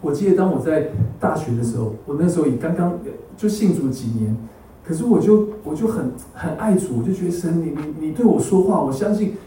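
A man's voice: a little high, animated, brisk, mellow, slight background noise. A man preaching a sermon with a personal testimony. He keeps asking the congregation to agree and drops English words into his talk. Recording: echoey hall, mic far off.

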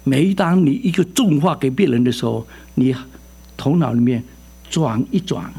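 Gravelly, husky-voiced male preacher. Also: medium pitch, moderate pace. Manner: lively, quizzes the congregation with rising questions. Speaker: pastor. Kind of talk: sermon.

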